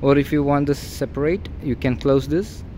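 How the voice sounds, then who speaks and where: A man working as a real estate agent walks through a vacant indoor warehouse, describing its features in a plain and repetitive manner. His medium-pitched voice is mellow and his speed normal, with slight background noise picked up by the filmer's handheld phone.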